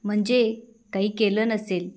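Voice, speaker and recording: A young woman begs and pleads in a plain, mid-pitched voice, as a woman narrator reads her. The delivery stays close to the storyteller's own tone. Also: fairly even intonation, measured pace, darkish tone, natural voice. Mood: pleading.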